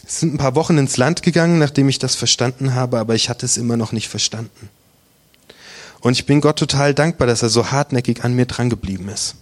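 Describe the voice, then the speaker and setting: Fairly quick and medium in pitch, this preacher shares his personal faith story as a testimony sermon. His telling is earnest and intimate, at moments sinking almost to a whisper.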